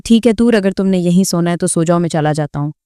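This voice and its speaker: A woman voicing a proud, brooding young man who is the hero of a romance audiobook, speaking stern and then tender, without lowering her own voice. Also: dark tone, clear, resonant tone, no echo, studio quality, close to an everyday voice.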